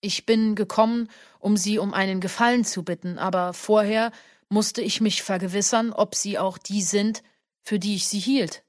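A woman reading the part of a stiff, weary old man in an audiobook, speaking slowly and solemnly. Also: mid-range voice, steady tone, no room sound, clean studio sound, natural voice.

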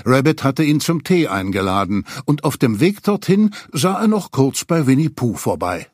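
A man reading a children's story aloud, expressive storyteller. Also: medium pitch, normal speed, no echo, clean studio sound. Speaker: narrator.

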